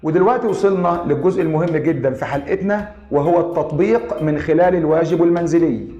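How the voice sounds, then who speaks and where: A man with an Egyptian Arabic accent giving an online grammar lesson, explaining step by step and spelling out syllables slowly. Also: on the high side, mellow, echoey room, muffled recording, soft background music.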